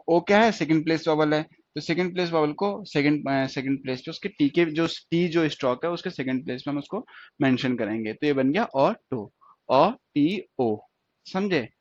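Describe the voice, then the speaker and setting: A man teaching shorthand in a classroom lesson, explaining step by step and repeating each point with checking questions. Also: on the high side. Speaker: stenography teacher. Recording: dull lo-fi dry recording.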